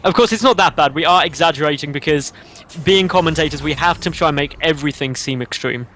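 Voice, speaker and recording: Higher-voiced esports caster, man. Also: fast, sharp tone, slight background noise. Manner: playful, teasing, explains builds. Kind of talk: casual game commentary.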